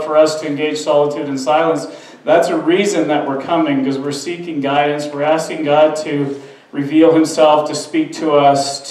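A man's voice: a little high, darkish tone. A man giving a sermon as pastor, talking earnestly and conversationally, often restarting his sentences. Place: church sanctuary. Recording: very echoey room, mic at a distance.

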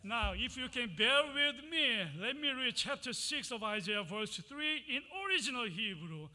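Korean-accented man preaching with high bright voice. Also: expressive, moderate pace. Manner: dramatic, emphatic reading with exclamations and Hebrew chanting. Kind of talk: sermon.

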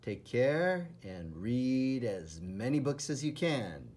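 A children's book is read out by a man with a husky, breathy, mid-range voice, who gives each line a deliberate, dramatic and expressive reading.

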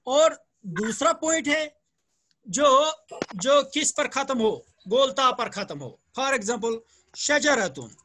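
A man's voice: extremely high pitch, expressive, slow pace, sharp tone. A man from Jammu and Kashmir, India, teaching an Arabic grammar lesson over a video call. He drills words with his students, repeats each one patiently and praises them often.

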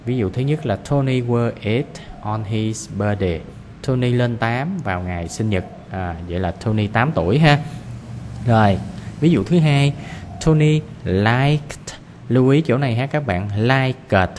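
A man with a Vietnamese accent teaching English to young learners, reading the text slowly and repeating words to drill pronunciation. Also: fairly low pitch, darkish tone, big-room sound, slight background noise. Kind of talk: classroom reading lesson.

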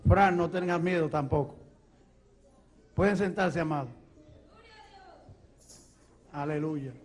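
A man in his thirties with a Puerto Rican accent, giving an animated testimony sermon in a church hall on a handheld mic. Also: on the high side, slow. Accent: Puerto Rican Spanish. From Puerto Rico. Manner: animated, gesturing, storytelling. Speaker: preacher. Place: church hall stage at a pulpit.

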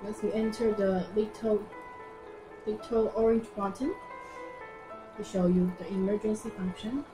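A young female product presenter, medium-pitched with fairly even intonation, demonstrates items informally and live in an indoor showroom. She repeats phrases in simple, halting non-native English. The recording has roomy echo and music in the background.

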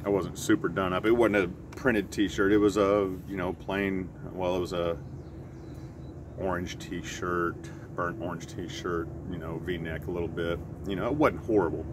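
Middle-aged male vlogger, deep register, unhurried self-correcting storyteller, recorded outside with noticeable ambient hum. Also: fairly even intonation. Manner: easygoing, halting, self-correcting. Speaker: pipe vlogger. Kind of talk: casual rambling storytelling. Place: outside by a house with siding. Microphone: camera a short distance in front. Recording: clear outdoor traffic or air-conditioner hum.

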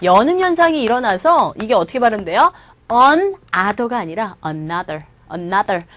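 A woman gives an online English lesson, modelling words again and again and firing questions at her students. Her voice sits a little high and swings widely, close and dry. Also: sing-song, moderate pace, a bit bright, dry recording. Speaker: English teacher. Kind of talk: online lecture.

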